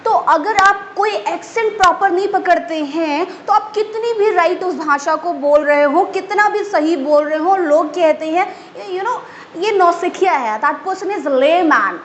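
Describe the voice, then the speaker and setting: A woman teacher giving a spoken English lesson, slowly drawing out English words to demonstrate them. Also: extremely high pitch. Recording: echoey room with faint background noise.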